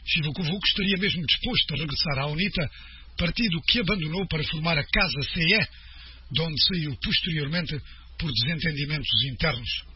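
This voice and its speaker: A man presenting the radio news in a steady, formal read. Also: fairly high pitch. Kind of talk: scripted radio news reading. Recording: muffled radio broadcast with faint noise.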